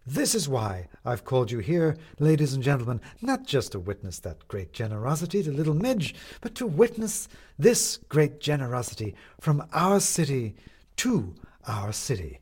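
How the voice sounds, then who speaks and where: A man reading a story, voicing a grandiose male showman who milks a crowd with drawn-out proclamations. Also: very animated, darkish tone, breathy edge. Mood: triumphant. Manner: theatrical, booming, drawn-out proclamations.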